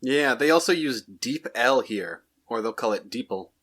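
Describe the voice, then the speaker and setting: A man co-hosting a casual podcast who throws in quick, joking asides. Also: mid-range voice, lively intonation, fairly bright tone. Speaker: podcast co-host, teacher.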